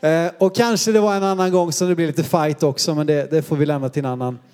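High-voiced man preaching with humor. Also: steady tone, darkish tone, clear, resonant tone. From Sweden. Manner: humorous, self-deprecating storyteller. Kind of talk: sermon with personal anecdotes.

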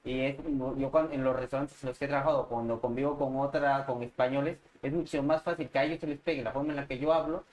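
A Mexican man in his forties, talking as a guest in casual chat, profane and lively, often slipping into quick imitations of how others talk. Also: medium pitch.

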